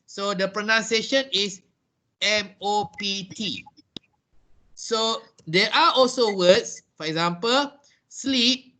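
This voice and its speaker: A man's voice: high voice, slow, bright, forceful tone. A man with a Malaysian accent teaching English pronunciation in a class, spelling words out letter by letter and repeating himself as he explains. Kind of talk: classroom lesson. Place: workplace training room.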